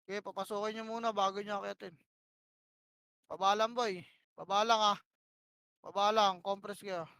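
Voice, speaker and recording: A woman's voice: medium pitch, fairly even intonation, moderate pace, long pauses, fairly bright tone, clean tone, dry recording, studio quality. A woman calling plays to her team during an online game, bossy and profane, firing off short repeated commands. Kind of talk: live gameplay shot-calling.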